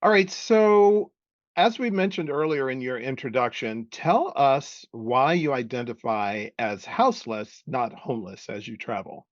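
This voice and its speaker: A man hosting a podcast interview who asks questions and responds with warm affirmation. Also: medium pitch, a little slow, no room sound, dull audio. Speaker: podcast host.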